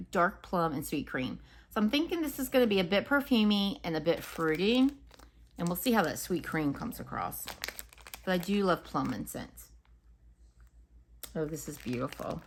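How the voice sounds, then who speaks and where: Speaking low with vocal fry and a fairly bright tone, she goes through the wax melts one scent at a time. It's a relaxed, unscripted review from a home fragrance reviewer thinking aloud.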